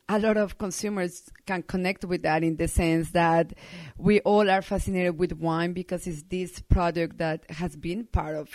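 Here a winemaker guest chats in a relaxed interview setting. She's a middle-aged native Spanish speaker from Colombia whose somewhat low, dark-toned voice carries no echo, and her earnest answers are sprinkled with frequent ums and uhs.

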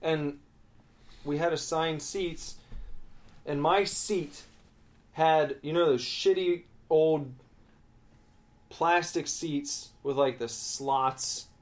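A man's voice: fairly high pitch, fairly even intonation, extremely slow, long pauses. A young adult man co-hosting a podcast, telling a school story in rambling casual chat, with swearing and growing heat. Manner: rambling, profane, heated when recounting conflict. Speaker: podcast co-host.

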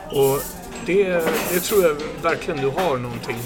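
A man's voice: a little high, loud music behind the voice. A man co-hosting a sports podcast, speaking hesitantly with many restarts and repeated words. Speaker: podcast co-host. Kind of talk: casual podcast interview.

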